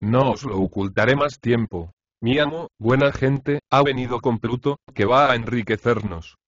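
A man's voice: medium pitch, normal speed, dry recording, muffled recording, natural voice. A man voicing a brash, mocking male house slave in an audiobook of a comic play. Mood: boisterous. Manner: cheeky, taunting.

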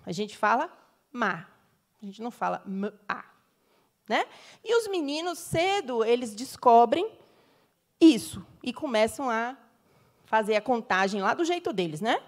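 A middle-aged Brazilian woman gives a university lecture in a fairly high voice. She explains patiently, point by point. She often tosses in tag questions to her audience. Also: big pitch swings, a little slow. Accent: Brazilian Portuguese. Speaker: university professor giving a lecture. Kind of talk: academic lecture.

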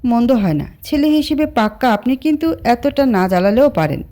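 A woman voicing a sharp-tongued young woman who answers back in a sassy way. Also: on the high side, sing-song, a little fast.

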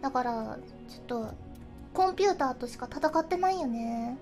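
A woman streaming a fighting game, chatting casually, often laughing and yelping excitedly as she plays, with game music behind her. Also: sits high, normal speed. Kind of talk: casual game livestream chat.

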